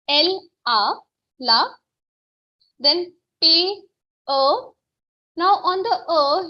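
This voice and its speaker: A woman's voice: high voice, sharp tone. A woman teaching French on an online webinar, explaining step by step and often checking "okay?". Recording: dull, lo-fi webinar audio.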